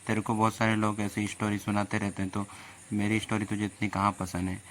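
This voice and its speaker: Teasing host, a man, low and very monotone, faint background hum. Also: brisk. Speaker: host chatting with an AI girlfriend. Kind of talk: casual teasing chat.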